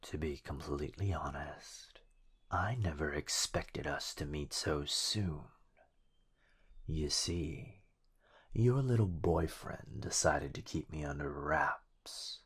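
Heavily acted, a male actor plays a teasing, possessive living shadow belonging to a sorcerer boyfriend in ASMR roleplay, using a deep, husky, breathy whisper. He never hurries, stretching out his words with a menacingly sweet, sinister kind of teasing.

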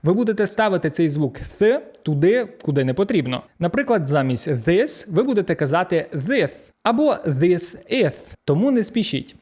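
Lively Ukrainian man teaching pronunciation. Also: high voice. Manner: lively, slows down to model English words. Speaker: English teacher. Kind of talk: pronunciation lesson.

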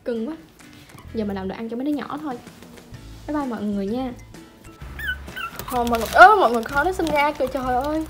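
Doting woman with higher voice. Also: a little mellow. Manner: doting, chatty, talks baby talk to puppies. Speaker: pet vlogger. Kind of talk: casual vlog narration. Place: home.

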